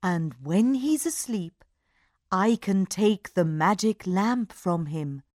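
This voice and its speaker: A kind young hero voiced by a woman reading a storybook speaks softly and gently, a shade below her usual pitch. He talks calmly and slowly. The sound is dry and close. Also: no echo. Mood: gentle. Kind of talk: storybook read-aloud.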